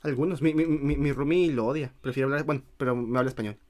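A man's voice: medium pitch, steady tone, a little mellow. A man co-hosting a podcast, talking casually and often stopping to restart and repeat himself. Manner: halting, lots of restarts and repeats. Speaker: podcast co-host. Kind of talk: casual chat.

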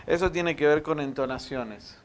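A man's voice: a little high, moderate pace, slight background noise. A man teaching a spiritual meditation class, explaining step by step and often checking with the students.

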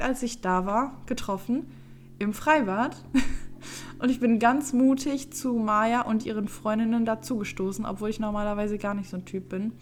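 A woman's voice: medium pitch, a little hiss or hum. A woman in her twenties from Düsseldorf, co-hosting a podcast and telling stories in a chatty, playful way. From Düsseldorf, Germany. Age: 20s. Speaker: podcast co-host. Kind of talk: casual chat, storytelling.

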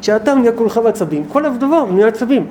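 With faint noise in the background, a rabbi whose voice is notably high instructs a small group of listeners. He keeps putting rhetorical questions to them, speaking in an animated and emphatic way.

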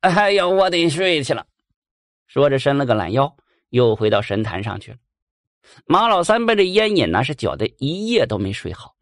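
A male storyteller spinning a folk ghost story in a colloquial, animated way. His pitch rises and falls widely, and the sound is dry and close to the mic. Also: a little fast, no echo.

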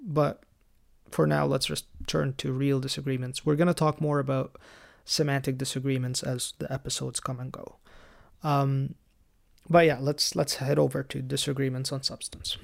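A man with a deeply gravelly, fry-heavy voice hosts a solo teaching podcast. He explains church history calmly, with a lightly wry edge, at a middling pitch. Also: moderate pace. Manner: raised in the Coptic Orthodox Church. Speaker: podcast host.

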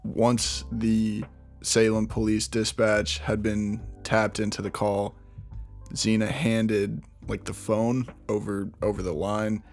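Over soft background music, a male true crime podcaster slowly recounts a case in a fairly low, flat, creaky voice. The storytelling is casual and chatty, full of restarts and side remarks.

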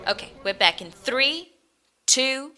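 An actress playing a matter-of-fact radio show producer with a dry manner. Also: female voice, sits high, expressive, slow pace, over loud music. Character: unflappable woman radio producer, practical.

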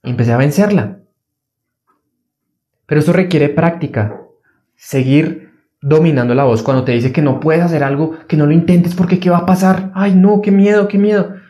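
A man's voice: normal speed, long pauses, warm tone. A man giving an earnest motivational self-help talk, repeating key phrases for emphasis. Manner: earnest, repetitive, acts out a fearful inner voice in a higher pitch. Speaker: motivational speaker.

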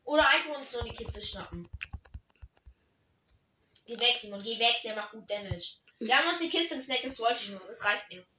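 Excitable young woman gaming, high bright voice. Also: normal speed, pauses often, echoey room, slight background noise. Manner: excitable, frequent exclamations. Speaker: gamer playing with a friend. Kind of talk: casual gaming chat.

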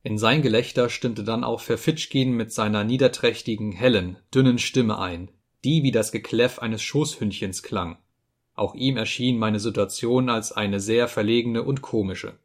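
A man narrating an audiobook in a measured literary reading. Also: fairly low pitch. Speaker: audiobook reader.

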